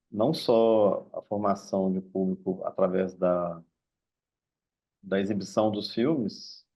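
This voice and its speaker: A man's voice: fairly low pitch, gravelly, dull audio. A man mediating an online discussion, speaking thoughtfully and hesitantly and often ending his sentences with tag questions.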